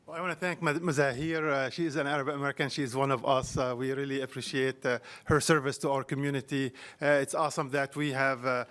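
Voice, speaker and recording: A man from Syria giving a public comment at a city council meeting, halting often with fillers and restarts. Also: medium pitch, little pitch movement, fairly bright tone.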